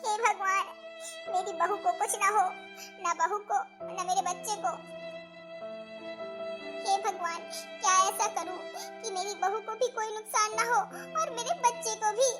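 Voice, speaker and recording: A woman's voice: extremely high pitch, steady tone, measured pace, pauses often, over music. A woman voicing an anxious, fussy mother-in-law who frets and pleads melodramatically in a cartoon comedy. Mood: praying.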